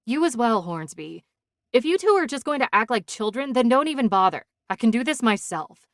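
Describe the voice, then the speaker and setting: A man voicing a young pregnant woman in an audiobook, soft and shaky at times, then firm and scolding. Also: very high-pitched, sing-song, brisk, dry recording, studio quality, voice pushed up, full character voice. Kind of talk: audiobook character voice.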